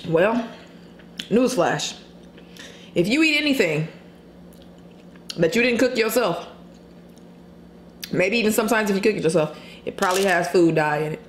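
A woman vlogger chatting candidly while eating on camera, pausing to chew and hum over her food. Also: medium pitch, lively intonation. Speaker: mukbang vlogger. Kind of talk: casual mukbang chat while eating. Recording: echoey room, faint background noise.

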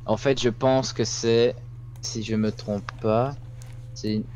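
A teenage boy chatting casually on a stream in a mid-pitched voice. Keyboard typing and a faint hum sit underneath him. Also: level tone, takes it slowly, darkish tone. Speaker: friend on the stream. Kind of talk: casual chat.

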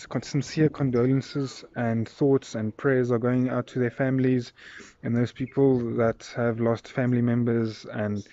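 A man's voice: mid-range voice, dark tone. A young man in his twenties with a South African accent, chatting casually and rambling with many fillers in an outdoor daily vlog filmed on a phone held at arm's length. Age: 20s. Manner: rambling, filler-heavy and friendly. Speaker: vlogger. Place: outdoors in a residential yard. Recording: slightly dull phone recording.

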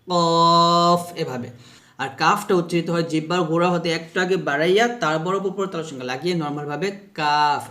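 A man teaching how to pronounce Arabic letters, explaining slowly, repeating himself and sounding out each letter to demonstrate. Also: a little high. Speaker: Quran recitation teacher.

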